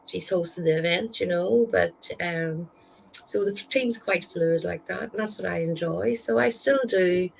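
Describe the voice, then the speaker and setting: A woman with a low, gravelly voice talks as a guest in a relaxed video-call chat. She rambles in a friendly way, dropping in "you know" and laughing partway through sentences. Faint noise sits underneath. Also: measured pace, low-quality recording. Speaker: guest, paranormal investigator. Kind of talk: casual live-stream chat.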